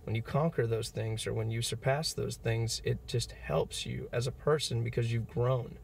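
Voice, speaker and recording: A man's voice: medium pitch, steady tone, normal speed, gravelly, a little mellow, slight background noise. A man in his twenties giving an earnest, encouraging motivational talk to camera, with fillers like "you know". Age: 20s. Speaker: motivational vlogger.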